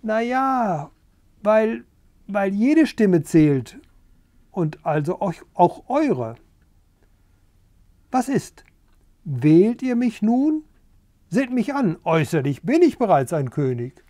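A man's voice: sits high, big pitch swings, slow pace, pauses often, dark tone, dry recording, studio quality, pitched above the performer's own voice, heavily acted. A man voicing a boastful, eager young rooster in a storybook reading, talking in a pushy, wheedling way.

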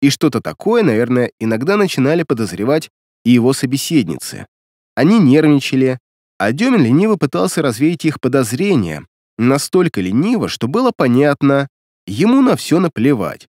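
A man's voice: mid-range voice, sing-song, normal speed, darkish tone, no room sound, clean studio sound. Wry male audiobook narrator. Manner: wry, ironic storytelling. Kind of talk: first-person audiobook narration.

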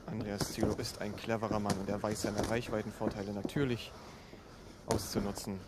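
A man giving live boxing commentary in a measured, explanatory way from inside a sports hall. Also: lowish voice, little pitch movement. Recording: loud arena noise behind the commentary.

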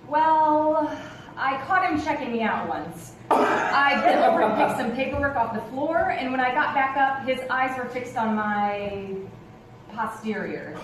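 A woman whose voice sits high speaks expressively at a measured pace, acting in a live stage play as a defensive, condescending veteran policewoman who patronizingly calls people darling and hun. Heard from far off through a distant camera, the echoey theatre stage with rows of seats makes for a noisy recording.

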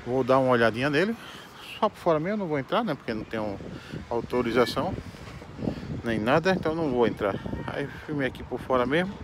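Holding a phone at arm's length, a middle-aged Brazilian vlogger talks his way through a casual walk outdoors near a roadside building. His voice is medium-pitched, expressive, and quick. Heavy wind and traffic noise fill the recording.

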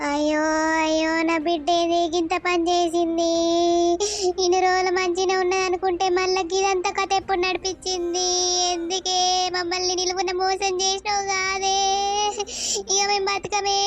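A woman's voice: very high-pitched, completely flat delivery, normal speed, over music. A woman doing a fretful cartoon village mother. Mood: grieving. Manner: pleading, anxious questioning. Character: worried village mother, middle-aged wife.

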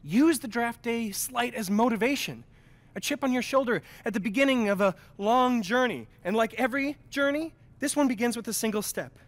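Slick, high-pitched sports agent. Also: male voice, expressive. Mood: earnest, motivating. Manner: fast-talking, pep-talk persuasion. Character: slick, persuasive young male sports agent. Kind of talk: video game cutscene acting.

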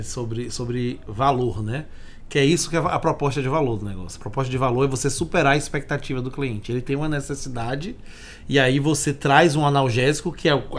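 A Brazilian accountant of around forty hosts a conversational business podcast, making his points by posing and answering his own questions. His voice is mid-range, captured on a desk microphone on a stand in an indoor, wood-panelled meeting room.

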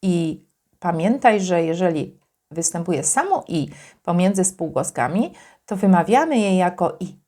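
Slow, careful woman teaching grammar. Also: on the low side, mellow. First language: Polish. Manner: slow, careful, patient explanation with frequent fillers. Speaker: German language teacher. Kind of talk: explanatory grammar lesson.

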